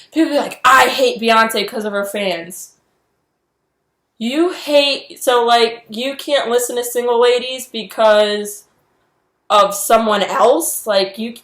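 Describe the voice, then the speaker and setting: A young woman ranting in a casual vlog, exasperated and animated, filling her talk with "like". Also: on the high side, roomy sound. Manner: animated, exasperated, heavy use of "like". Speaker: vlogger.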